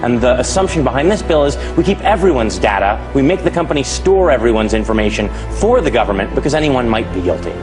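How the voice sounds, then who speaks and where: A man argues a political point in a wry, conversational way. He talks quickly with animated intonation. Music is clearly heard underneath. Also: mid-range voice.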